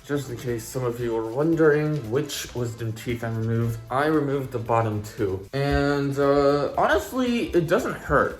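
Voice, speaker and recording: A young man recording a casual video diary, speaking cautiously with a stiff jaw and barely opening his mouth, as after tooth surgery. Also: mid-range voice. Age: young adult. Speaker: vlogger.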